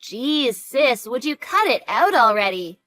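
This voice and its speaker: Brief: a woman voicing a defensive, scoffing younger sister in a drama story, fairly high voice over faint music. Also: big pitch swings, unhurried, a bit bright. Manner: snarky, dismissive. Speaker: sister of the main character. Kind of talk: voice acting in a narrated drama story.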